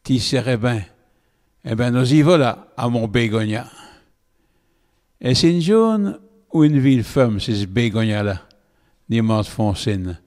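A man with a Walloon accent reading a story aloud in an unhurried storytelling manner. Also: medium pitch, expressive, darkish tone, big-room sound.

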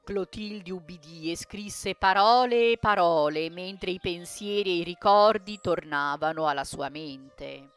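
A woman reading a children's fairy tale aloud in a calm, measured way. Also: on the low side, clear, resonant tone, soft background music. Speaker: storyteller. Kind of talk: storybook reading.

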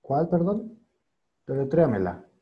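A man's voice: medium pitch, very animated, measured pace, highs cut off. A man teaching an online English class over a video call, patiently spelling out words and translating them.

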